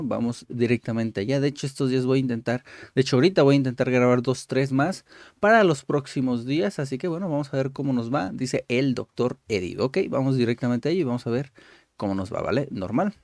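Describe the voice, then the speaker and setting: A man's voice: medium pitch, darkish tone, no room sound, studio quality. A young man hosting his channel, casually commenting and translating language-app stories aloud, thinking aloud with lots of fillers.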